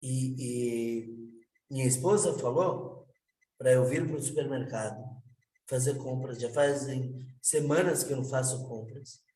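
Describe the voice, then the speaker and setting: A man's voice: mid-range voice, a little slow, warm tone, reverberant, voice pushed down, lightly acted. A man voicing a poor, faithful man moved to tears, speaking in an earnest, fervent way.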